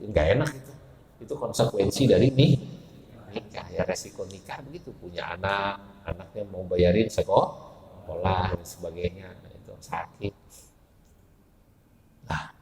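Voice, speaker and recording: A man preaching in a mosque, lively and joking, putting questions to his audience in casual speech. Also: lowish voice. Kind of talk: sermon. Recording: echoey mosque hall.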